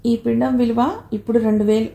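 A woman's voice: fairly high pitch, flat delivery, a little fast, gravelly, warm tone. A woman reading aloud voices a poor, proud young mother who speaks sharply and sarcastically. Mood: bitter. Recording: roomy echo.

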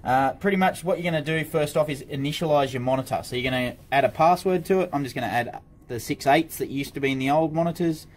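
Talking quickly with hardly any pauses, an Australian man with a voice on the high side casually explains each step of a hands-on product tutorial from an indoor office desk. He's a demonstrator for an intercom supplier. The sound is clear, with background noise and room ambience.

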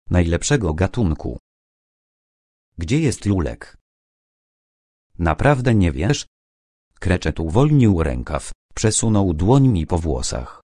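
Deep, dark-toned male audiobook narrator. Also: dry recording, studio quality. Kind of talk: scripted narration.

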